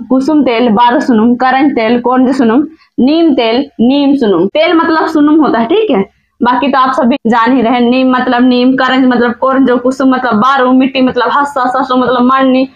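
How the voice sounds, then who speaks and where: A woman with a high voice teaches vocabulary at a small whiteboard, saying each word slowly and repeating it. She talks in an easy, chatty way to her viewers. The sound is dull and lo-fi. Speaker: language teacher, channel host. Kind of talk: casual whiteboard vocabulary lesson.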